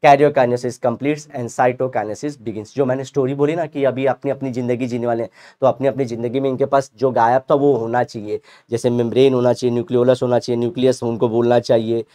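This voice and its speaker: A man teaching a biology revision lecture, explaining in Hindi with English terms, reading textbook lines slowly and asking the class questions. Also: medium pitch, steady tone, dark tone. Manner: playful analogies, asks the class rhetorical questions.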